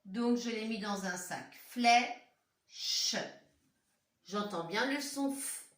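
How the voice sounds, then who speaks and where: Woman teacher doing a phonics lesson for little kids, spells out words slowly, asks them questions, echoey room, mic kinda far. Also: mid-range voice, lively intonation. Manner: slow, clearly articulated, repeats words syllable by syllable; talks directly to children, asking questions. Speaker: primary school teacher. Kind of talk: home-school phonics lesson for young children. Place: classroom or home room with a whiteboard.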